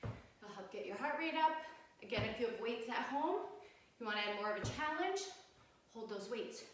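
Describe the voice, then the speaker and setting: Female aerobics instructor, higher-pitched, encouraging cueing and counting, recorded off-mic in a very echoey home room. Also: animated, moderate pace. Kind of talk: live home workout class instruction. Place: sunny room at home, indoors. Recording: very echoey room, distant mic, faint noise.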